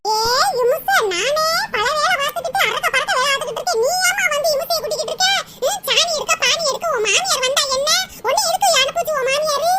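A woman doing a snappy squeaky village woman. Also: animated, fast talker, hardly any pauses. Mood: scolding. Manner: snappy, scolding. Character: irritable busy older village woman milking a cow. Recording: loud background noise.

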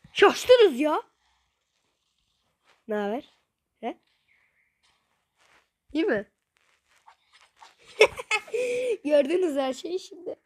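A woman giving playful, excitable commentary on her gameplay and talking to viewers, her voice a little off from being unwell. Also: high voice, very slow, pauses often. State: slightly ill, voice a little changed. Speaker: gaming video creator.

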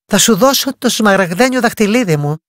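A woman voicing a kind-hearted young princess in a bedtime story, speaking gently and earnestly, a little higher than her narration. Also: expressive, no room sound, studio quality, natural voice. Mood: urgent, pleading.

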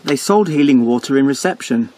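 A man's voice: mid-range voice, lively intonation, brisk. An Englishman narrating his road trip on camera with dry, teasing humor from inside a motorhome. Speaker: vlogger filming a road trip. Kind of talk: joking travel commentary. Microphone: handheld camera mic. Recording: loud road and engine noise.

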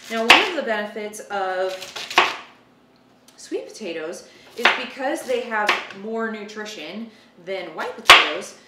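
A woman in her thirties hosts a casual cooking demo in her home kitchen, chatting informally and thinking aloud as she works. Her mid-range voice has lively intonation and a slightly slow pace. The roomy, distant-mic recording is very noisy, with loud clatter from chopping, clicks and pans.

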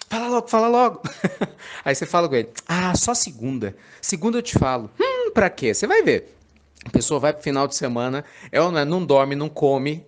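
A man giving an informal sermon, chatty and playful, full of tag questions. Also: mid-range voice. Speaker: spiritist preacher.

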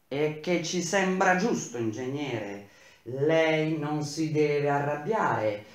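A man doing a clumsy, halting big worker. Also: a little high, lively intonation. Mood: awkward. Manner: hesitant, fumbling for words. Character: awkward, hesitant big male worker, bass voice. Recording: very echoey room.

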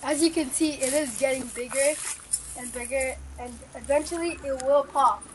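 A woman presenting an outdoor experiment, listing steps in a halting way with restarts. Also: sits high, rough recording. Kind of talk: casual science demo. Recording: outdoor camera audio with clear noise.

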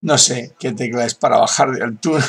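Gravelly-voiced man laughing through gameplay. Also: mid-range voice, brisk. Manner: laughs often, reads out chat with "dice". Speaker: gaming youtuber. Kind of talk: casual gameplay commentary.

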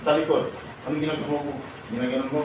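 A man leads a seminar for departing workers, a bit high in pitch, and he quizzes and teases his audience. He is picked up from far off in a very echoey room. Steady noise hums behind him. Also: fast talker. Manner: teasing, questions the audience, acts out their replies. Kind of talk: lively seminar talk to a crowd. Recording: echoey room, voice from afar, noisy.

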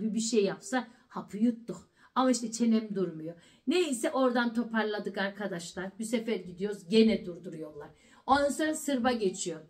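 A woman's voice: medium pitch, darkish tone. A middle-aged woman vlogger telling a story casually and with animation, repeating words for emphasis. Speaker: family vlogger.

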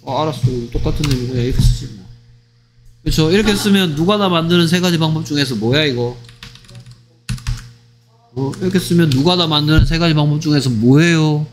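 A man teaching English grammar in a lively, teasing way, often checking whether students follow. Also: on the high side, fairly quick, long pauses, faint music behind. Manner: acts out short skits in other voices. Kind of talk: online grammar lecture.

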